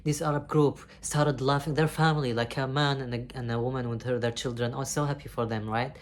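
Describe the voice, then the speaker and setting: A vlogger speaks in a candid, confessional monologue, rambling and heartfelt, swearing freely and often stopping to restart a thought. The pitch sits in a middle range, and a faint hiss runs underneath. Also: fairly even intonation, a little fast.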